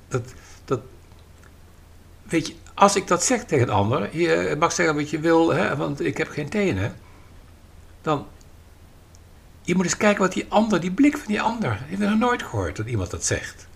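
Animated man in lively podcast talk. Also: on the high side, normal speed, vocal fry, long pauses, slightly rough. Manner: animated, emphatic, acts out quoted dialogue. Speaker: podcast guest and writer.

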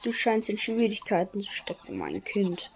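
A woman voicing an unseen, kindly male spirit in a video game, in a hushed tone with a ho-ho-ho chuckle. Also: medium pitch, sing-song, normal speed.

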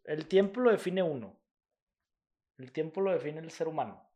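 A man's voice: fairly high pitch, moderate pace, a little mellow. A young man with a Mexican accent, chatting casually and bluntly, full of slang and swearing. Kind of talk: casual chat.

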